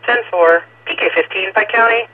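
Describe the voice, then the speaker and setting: A man's voice: high voice, normal speed. Clipped police radio dispatcher man. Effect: police radio transmission. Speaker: emergency dispatcher. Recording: tinny radio with loud static.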